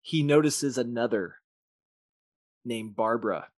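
A man co-hosting a podcast, pitching a story in a rambling, slangy, casual way. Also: a little slow, no room sound, clean studio sound. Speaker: podcast co-host. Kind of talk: casual brainstorming chat.

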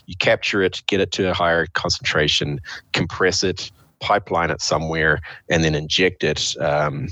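A man with a croaky, froggy voice, hoarse from a cold, explaining things step by step in a conversational interview. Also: deep voice, steady tone, moderate pace, sharp tone, no room sound. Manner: explains step by step, posing questions to himself. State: hoarse with a cold, clearing throat. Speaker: interview guest, official of a state energy authority.

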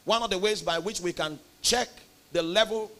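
A young Nigerian man with a Nigerian accent preaching a sermon, emphatic, with loud bursts on key words. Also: sits high, moderate pace. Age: young adult.

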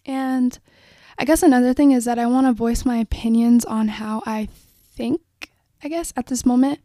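A woman's voice: a little high, mellow, no room sound, studio quality. Young woman chatting on her podcast. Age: young adult. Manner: rambling, self-reflective, frequent fillers. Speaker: podcast host. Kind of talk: casual solo podcast chat. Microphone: phone and microphone.

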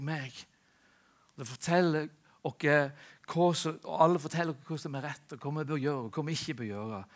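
A man's voice: on the high side, a bit bright. A man preaching a sermon earnestly, asking rhetorical questions and often restarting his sentences.

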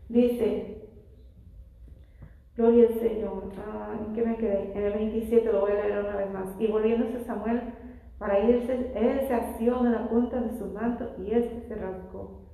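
A woman's voice: medium pitch, fairly even intonation, a little slow, creaky, mellow. A woman preaching a fervent sermon, reading scripture and calling her listeners brothers. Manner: fervent, addresses congregation as brothers. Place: church. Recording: very echoey church hall.

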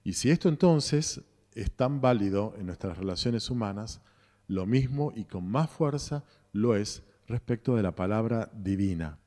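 Argentine priest preaching in a reverberant cathedral. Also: male voice, on the low side, expressive, mellow. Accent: Rioplatense Spanish. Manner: slow, reflective preaching with repeated phrases and pauses. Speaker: parish priest. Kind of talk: sermon. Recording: long church reverb.

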